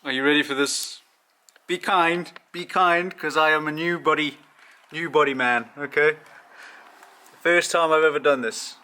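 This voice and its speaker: This slightly high, bright, forceful voice belongs to a car vlogger born in South Africa and raised in Zimbabwe. Unhurried and fairly even in intonation, he chats casually and pokes fun at himself while fixing his car in his home garage.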